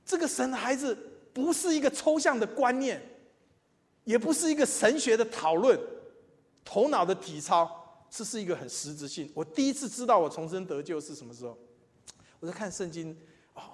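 Animated older preacher in a reverberant hall. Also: male voice, high voice, normal speed. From Taiwan. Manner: animated, swings between loud emphatic and quiet asides. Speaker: church speaker. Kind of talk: sermon with personal testimony. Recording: long reverb in a large hall.

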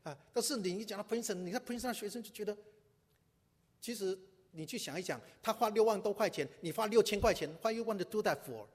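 A man's voice: sits high, fast. A male pastor preaching a sermon in a conversational way, full of rhetorical questions and English asides. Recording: reverberant hall.

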